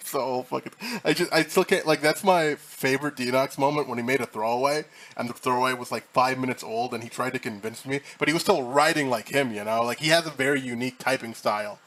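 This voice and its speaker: A man's voice: medium pitch, fairly quick, fairly bright tone. A man hosting a casual podcast chat, swearing, joking and rambling with many restarts. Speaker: host.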